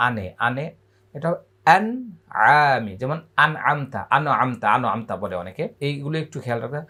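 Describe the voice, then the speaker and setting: A man from Bangladesh teaching Quran reading, spelling syllables aloud and then chanting verses in a high, drawn-out recitation. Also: sharp tone. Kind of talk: letter-by-letter Quran recitation lesson.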